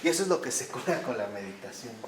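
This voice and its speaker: A man's voice: medium pitch, lively intonation, fast, noisy background. A man gives an emphatic spiritual talk, asking his audience questions and answering them himself. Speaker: speaker giving a talk on recovery steps and meditation. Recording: echoey room, from far off.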